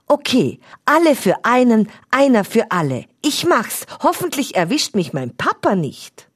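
A loyal young boy from a storybook, as a woman puts him on, keen to help and quick to get flustered. His voice rides far above her usual low tone, lively and a bit husky, in a dry close recording. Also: exaggerated voice. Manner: keen, then flustered and cross. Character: young boy, loyal friend, nervous but brave.

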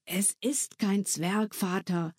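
A woman reading a story aloud, voicing an eager young boy who pleads in a slow, drawn-out way. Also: medium pitch, steady tone, darkish tone, no room sound, clean studio sound. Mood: curious.

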